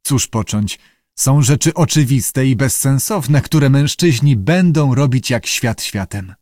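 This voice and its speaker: A man reading a novel aloud as narrator, with steady, measured delivery. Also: mid-range voice, no room sound, studio quality. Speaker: audiobook narrator. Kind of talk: scripted narration.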